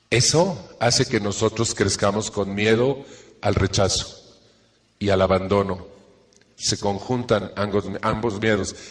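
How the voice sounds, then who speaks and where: A man's voice: on the low side, big-room sound. A middle-aged man, giving an earnest self-help talk to a live audience and checking in with rhetorical questions.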